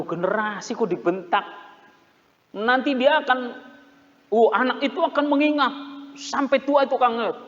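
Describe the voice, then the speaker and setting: Lively man preaching in an echoing mosque. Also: high-pitched. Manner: animated storytelling with laughs, mimics shouting. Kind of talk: mosque sermon. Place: mosque hall. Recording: muffled reverberant hall recording.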